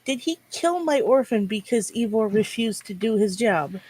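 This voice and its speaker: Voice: medium pitch, animated, normal speed, a little mellow. A player voicing a grieving, angry, stubborn adventurer in improvised tabletop role-play, demanding and confrontational. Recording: clearly noisy recording with clicks.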